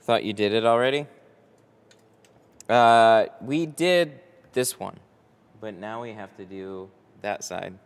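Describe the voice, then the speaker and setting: An American man in his early thirties, a window tinter, hosts a livestream and answers viewers in casual chat, halting and easygoing as he thinks aloud. His fairly low voice is clean, captured by a close microphone on a boom arm. He's in a large garage workshop with a boat, and the recording carries a long, hall-like reverb.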